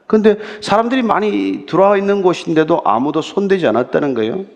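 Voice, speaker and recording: A man's voice: sits high, creaky. A male pastor preaching a sermon in a conversational way, asking the congregation rhetorical questions and acting out quotes. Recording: church hall reverb.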